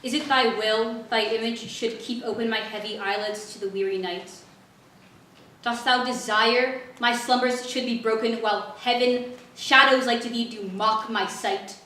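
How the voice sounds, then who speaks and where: Bright-voiced woman reciting a sonnet, echoing hall. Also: on the high side, fairly even intonation, normal speed. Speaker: recitation contestant. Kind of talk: reciting a sonnet, dramatic delivery. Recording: echoey hall, background noise.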